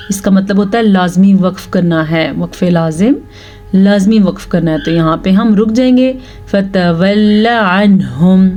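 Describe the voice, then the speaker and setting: A woman teaching Quran recitation rules, reciting verses slowly and drawn out, then explaining each rule. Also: medium pitch, dark tone. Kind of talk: slow recitation lesson with explanations.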